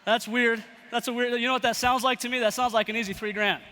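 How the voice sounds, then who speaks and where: A young man giving a motivational talk to a live audience, telling a story with lively acted-out quotes. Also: extremely high pitch, fast. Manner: animated storyteller acting out quoted voices. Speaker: motivational speaker. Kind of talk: storytelling keynote speech. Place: large event hall. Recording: long hall reverb.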